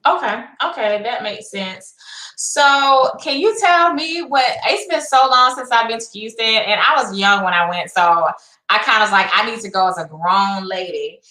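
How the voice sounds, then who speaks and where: A woman's voice: a little high, normal speed, sharp tone, echoey room, low-quality recording. A woman hosting a casual live-stream interview over a video call, chatty and curious, with many fillers. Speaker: host.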